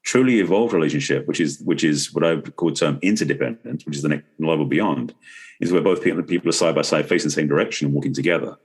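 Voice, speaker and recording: Very low and noticeably husky, this middle-aged man's voice moves fast as he explains things conversationally as an expert podcast guest. He keeps rephrasing as he goes.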